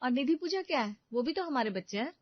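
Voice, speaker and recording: A woman's voice: sits high, lively intonation, quick pace, no echo. A woman voicing a worried mother in a cartoon who pleads for her daughters. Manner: pleading, earnest. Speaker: mother character and narrator. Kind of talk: cartoon voice acting. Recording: dull dry recording.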